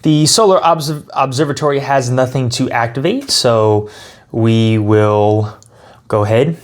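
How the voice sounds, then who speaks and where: A man with a mid-pitched voice hosts a casual card game playthrough. He explains each step as he goes and reasons out his choices aloud. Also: a little slow. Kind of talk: casual tabletop game walkthrough.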